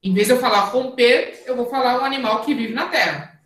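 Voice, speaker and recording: A Brazilian woman with a slightly high voice teaches a fencing class online. She explains concepts patiently, then calls out drill commands. The sound is roomy and echoey, as if recorded on a camera mic in an open hall. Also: a little fast, a bit bright. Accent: Brazilian Portuguese. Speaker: fencing coach. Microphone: camera mic, moving away at times. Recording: echoey room.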